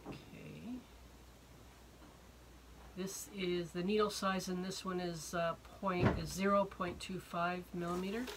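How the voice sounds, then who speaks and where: An older woman in her sixties, slightly hoarse from a cold, talks haltingly and casually through an unboxing, thinking aloud as she goes. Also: lowish voice, steady tone. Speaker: art vlogger unboxing supplies. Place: indoor home art studio, wood-beamed. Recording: noisy room, clicks and rustling.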